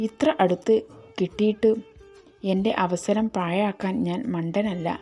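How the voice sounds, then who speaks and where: A woman's voice: mid-range voice, fairly even intonation, measured pace, warm tone, soft background music, natural voice. A woman voicing an ardent young man who insists on his love in a storybook reading, speaking tenderly and firmly. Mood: ardent, insistent.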